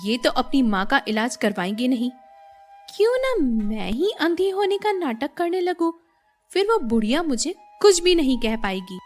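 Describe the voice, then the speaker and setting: A sly, fed-up young daughter-in-law in a cartoon story, voiced by a woman narrator. Her voice is high and clear, with quiet music behind it. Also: very animated, normal speed. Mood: complaining. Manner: complaining, sly.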